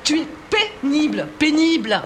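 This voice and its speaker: A high, bouncy voice with wide swings in pitch: the inspector's giggly, teasing wife in a radio play, talking slowly. Background noise hisses under her lines. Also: very animated. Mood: teasing scolding. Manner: giggly, playful, mocking. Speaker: voice actress. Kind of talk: radio drama acting.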